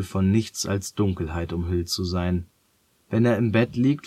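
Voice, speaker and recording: A man reading a children's story aloud in a calm, gentle and measured way. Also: low-pitched, dry recording.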